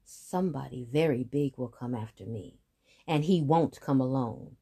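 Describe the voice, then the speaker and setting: A large male buffalo speaks low and blunt, put on by a woman reading a storybook. His words come out gruff and unhurried. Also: mellow, full character voice.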